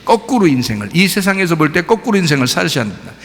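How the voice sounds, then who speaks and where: A middle-aged male pastor preaches in a lively, sing-song voice that sits a little high for a man. He talks in a folksy way and acts out little quotes with laughter. His voice rings out in a large church hall with a long echo. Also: racing. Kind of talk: sermon.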